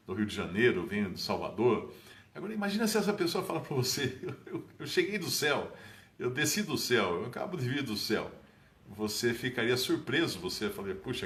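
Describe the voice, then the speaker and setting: A man giving an informal Bible teaching as a preacher, talking casually and climbing sharply in pitch to stress key phrases. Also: echoey room. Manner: animated, dramatic rises in pitch on key phrases.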